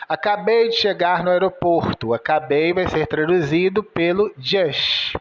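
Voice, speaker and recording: A man's voice: sits high, unhurried, lo-fi sound. A man teaching English in a video lesson, spelling out sounds letter by letter.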